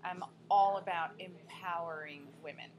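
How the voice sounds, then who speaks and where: A young woman from the United States, a pageant coach, talking lively and expressively as a guest at a restaurant table. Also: lowish voice, moderate pace, crowd noise, poor audio. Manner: lively, expressive, laughs often. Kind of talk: casual interview chat. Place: restaurant dining room, indoors.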